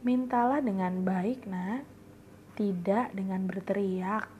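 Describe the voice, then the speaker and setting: A woman voicing a calm, patient mother who speaks softly and kindly, in a bedtime storybook. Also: mid-range voice, takes it slowly, soft background music, close to an everyday voice. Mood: gentle.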